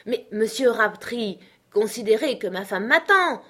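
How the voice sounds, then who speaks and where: Flustered old shopkeeper, played by a woman, anxious and pleading, voice pitched up. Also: lively intonation, unhurried, a bit bright. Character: timid, flustered sixty-year-old grocer man.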